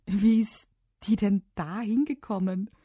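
A woman's voice: mid-range voice, steady tone, a little slow, warm tone, slightly rough, no echo, clean studio sound, pitched above the performer's own voice. Woman doing a matter-of-fact older sister. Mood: curious.

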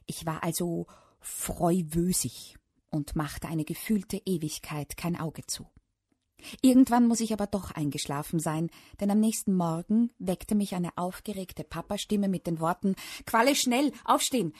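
A woman narrates a children's book in a lively, playful way. Her voice is low and husky. The recording is dry and close. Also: dry recording. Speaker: audiobook reader.

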